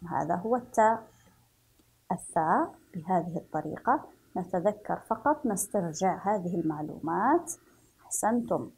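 A woman teacher with a Yemeni Arabic accent, slowly leading a children's reading lesson, repeating words for pupils and praising them often. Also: mid-range voice, mellow, breathy edge, poor audio.

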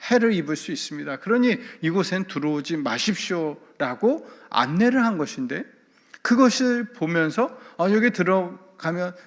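A man preaching as a pastor at an early-morning service, explaining through rhetorical questions and everyday examples. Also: fairly high pitch. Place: church sanctuary. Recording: long reverb of a church hall.

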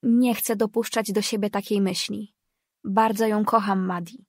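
A woman's voice: mid-range voice, fairly even intonation, a little slow, no room sound, studio quality, natural voice. A woman reading the lines of a heartbroken, tearful middle-aged father in an audiobook, subdued and shaky. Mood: grieving.

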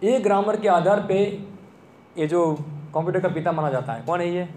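A man's voice: high-pitched, normal speed, darkish tone, a little hiss or hum. A man giving a conversational lecture and asking the audience questions. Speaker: speaker giving a talk. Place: temple hall. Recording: echoey room with faint ambience.

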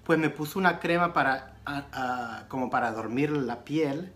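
A man telling a personal story in a casual makeup vlog, animated and mixing in English phrases. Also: moderate pace. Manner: animated retelling with sudden pitch jumps. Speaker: beauty vlogger.

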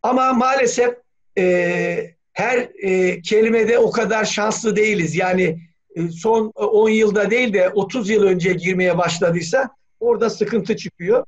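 Speaking a little slowly in a high-pitched voice, a man acts as a language scholar in an academic meeting held over a video call. He's thoughtful and hesitant, full of "e" fillers, and spells words letter by letter. The video call audio sounds dull and lo-fi.

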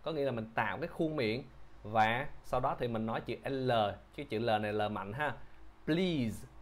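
A man teaching English pronunciation, who repeats each word slowly and patiently explains how to shape the mouth. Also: medium pitch. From Vietnam. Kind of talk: pronunciation lesson.

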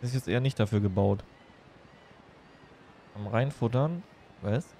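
A man's voice: mid-range voice, a little slow, dark tone, slight background noise. A man chatting casually and playfully as he livestreams a game, rambling from one thing to the next. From Germany. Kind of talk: casual chat while streaming a game.

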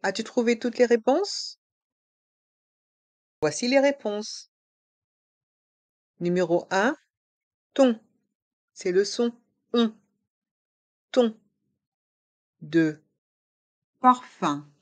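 Very slow, careful woman teaching pronunciation. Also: on the high side, expressive. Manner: deliberate, repeats words and sounds for learners; switches between French and English explanations.

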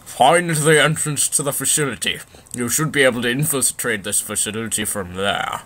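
Guy reading as a curt mission commander, flat, businesslike, game music underneath. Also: medium pitch, moderate pace, slight background noise, lightly acted. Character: terse male mission commander.

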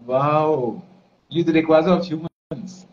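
A man's voice: a little high, unhurried. A man in his twenties with an Indian accent hosts a casual live stream, rambling and switching between English and Hindi. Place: indoors, plain-walled room. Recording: dull lo-fi stream with clear noise.

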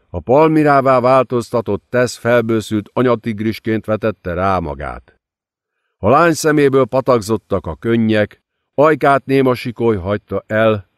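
A man's voice: medium pitch, clean tone, no room sound, studio quality. A man reading an audiobook with dramatic narration. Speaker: audiobook reader.

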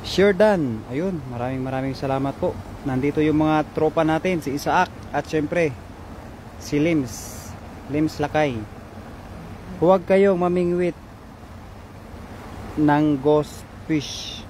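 A man live-streaming a fishing trip from a riverbank on a phone, chatting and giving shoutouts to viewers. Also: fairly high pitch, takes it slowly, pauses often, a little hiss or hum. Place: riverbank outdoors.

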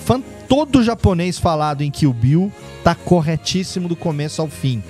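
A man's voice: fairly high pitch, animated, moderate pace, dark tone, faint music behind. A man on a casual podcast, eagerly explaining and sounding out foreign words. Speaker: podcast guest.

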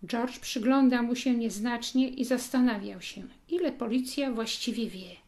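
A woman reading a story aloud as an audiobook narrator, in slow, deliberate scripted narration. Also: a little high, darkish tone.

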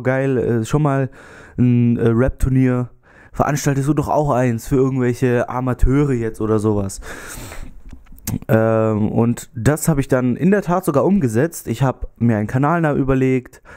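A young man, a YouTuber with a slight cold, uses a dark, mid-range voice for a rambling, filler-heavy vlog chat. He gestures while talking into a close-held handheld mic, sitting in his small bedroom among a TV and gaming setup.

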